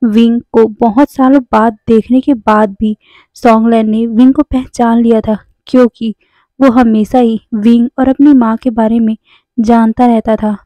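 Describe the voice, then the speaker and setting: A woman's voice: a little high, fairly even intonation, a little slow, dark tone, no room sound, poor audio. A woman narrating a serialized story in a casual, conversational way, mixing in English words and correcting herself as she goes.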